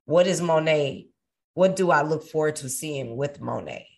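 A woman's voice: deep voice, moderate pace, gravelly, darkish tone. A woman hosting a podcast, speaking to her guest in an affirming, encouraging manner. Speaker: podcast host. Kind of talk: casual conversational interview.

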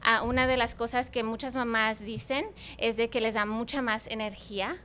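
Mujer con español de acento estadounidense, voz aguda. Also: female voice, fairly high pitch, steady tone, normal speed, bright, forceful tone, slight background noise. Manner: hesitant, searches for Spanish words, mixes in English. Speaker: placenta encapsulation provider, interview guest. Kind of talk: conversational explanation.

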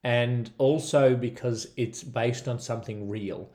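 A man's voice: medium pitch, steady tone, a little slow, dark tone. A man hosting a movie review podcast in casual chat, playful and laughing often as he tries out accents. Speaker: podcast host.

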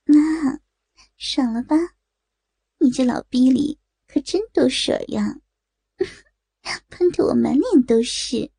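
A bold, teasing young woman, voiced by the narrator in a storytelling recording. Her voice sits fairly high with a husky, gravelly edge and a dark, mellow tone. She speaks slowly and playfully. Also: lively intonation, no room sound, full character voice. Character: young adult daughter, saleswoman, bold and teasing.

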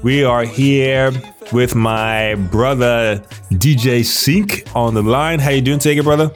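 A man's voice: mid-range voice, slow pace, faint music behind. A man hosting a podcast in a casual, chatty interview style, affirming his guest as he goes. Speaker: podcast host.

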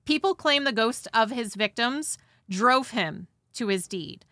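Lady host reading a story kinda chatty and dramatic, bright crisp edge, really dry sound. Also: on the high side, expressive, a little slow, no room sound. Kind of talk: scripted narration with casual asides.

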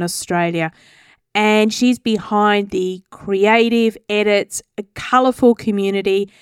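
A woman's voice: medium pitch, clear, resonant tone, no room sound, studio quality. A woman introducing a podcast episode and its guest as host, speaking with a smile in her voice. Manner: smiling as she speaks.

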